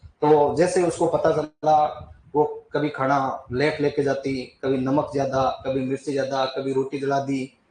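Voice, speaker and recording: A man tells a folk legend to a class, chatty, with asides and questions to the students and frequent throat clearing. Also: mid-range voice, a little mellow, roomy sound, low-quality recording. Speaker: teacher. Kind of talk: storytelling lesson on folk deities.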